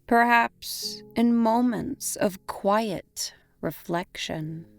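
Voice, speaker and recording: With instrumental music in the background, a woman with a fairly high voice narrates a guided imagery meditation. She sounds gentle and soothing, delivering short, deliberate phrases with long pauses in between.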